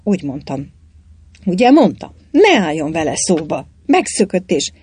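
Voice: mid-range voice, big pitch swings, darkish tone, breathy edge, no room sound. A reader voicing an indignant young woman, tearful and angry, in a storybook reading. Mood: furious.

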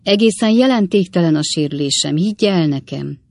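A woman voicing a sentimental middle-aged gentleman in a storybook reading, pleading and earnest. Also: lowish voice, animated, gravelly, dry recording. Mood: soothing. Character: fussy middle-aged gentleman, lovesick and dramatic.

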